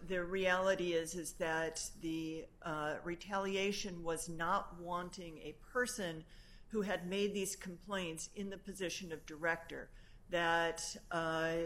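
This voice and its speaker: A woman's voice: lowish voice, a bit bright. Woman attorney arguing an appeal. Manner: formal, earnest, pausing with fillers while arguing. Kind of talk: formal oral argument.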